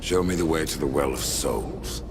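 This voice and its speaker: A grim horseman of death in a game, cold and dryly sarcastic. His voice is extremely low and gravelly yet lively in its inflection. Loud music plays behind him. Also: normal speed. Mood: sardonic. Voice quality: dry, sardonic, gravelly. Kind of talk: game cutscene voice acting.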